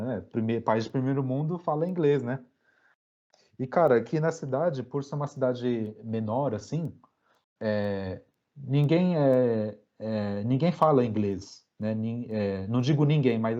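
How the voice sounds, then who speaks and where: Guest spot: young Brazilian man, loose slangy storyteller, mid-pitched voice, dull lo-fi line. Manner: relaxed slangy storytelling with many fillers. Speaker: podcast guest. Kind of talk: casual storytelling interview.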